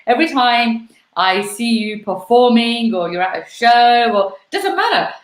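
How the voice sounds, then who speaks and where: A woman's voice: fairly high pitch, expressive, unhurried. Chatty woman host, echoey room. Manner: chatty, with many fillers. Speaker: talk show host. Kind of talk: live online interview chat.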